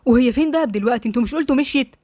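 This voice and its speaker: A woman's voice: high voice, darkish tone, dry recording, studio quality. A woman voicing an agitated young man with an Egyptian accent. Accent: Egyptian Arabic. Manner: agitated, quick. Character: hot-headed young man, younger brother.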